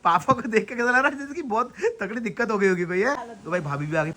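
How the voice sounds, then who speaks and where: A young man hosting a casual family vlog outdoors at home, teasing his family and calling out loudly. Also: sits high, fast. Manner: teasing, lively, calls out loudly. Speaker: vlogger, host.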